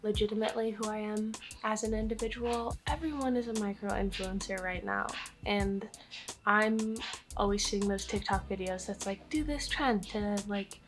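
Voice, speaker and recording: A woman's voice: medium pitch, fairly even intonation, moderate pace, soft background music. A young American woman chatting casually and candidly in a Q&A vlog, self-deprecating and swearing freely. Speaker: vlogger.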